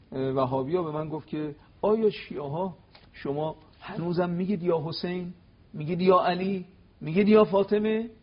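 A husky man preaches with emphatic storytelling as a cleric guest on a religious television talk. When he acts out quoted dialogue his pitch rises, and the recording lacks its high end.

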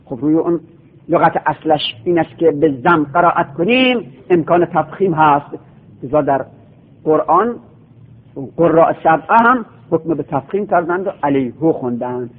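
Man, high-pitched, lecturing teacher, repetitive drilled explanations, phone-line audio. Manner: explains by repeating word forms in drilled lists. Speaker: teacher of Quranic recitation and Arabic grammar. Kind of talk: classroom lecture.

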